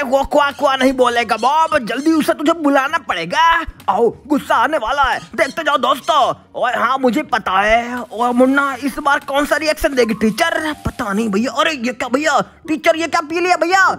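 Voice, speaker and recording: A man playing a game and chatting as two cartoon characters, excitable, with bursts of loud exclamations. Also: very high voice, moderate pace, hardly any pauses, faint music behind. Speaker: gaming YouTuber.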